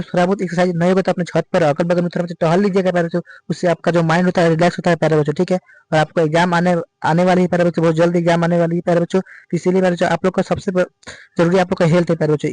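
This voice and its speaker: A man's voice: sits high, a little mellow, no room sound, rough recording. A male teacher giving an exam-prep lecture, urging students and calling them dear children in nearly every sentence.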